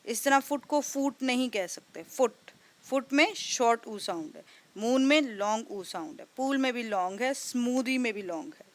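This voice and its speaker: A woman's voice: fairly high pitch, expressive, normal speed. Woman sounding out phonics letter by letter. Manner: sounds out words letter by letter, patient. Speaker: teacher. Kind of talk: phonics lesson.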